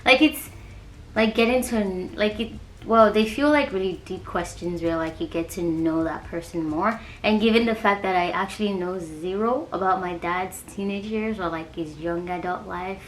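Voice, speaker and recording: A woman in her twenties chats casually on her vlog in a lowish voice at a moderate pace, rambling, giggling and saying "like" a lot. The recording sounds roomy, with background noise.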